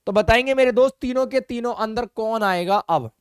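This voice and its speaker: A man teaching reasoning in an exam-prep video lesson, brisk and coaxing, repeating key phrases. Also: very high-pitched, clean tone, dry recording, studio quality.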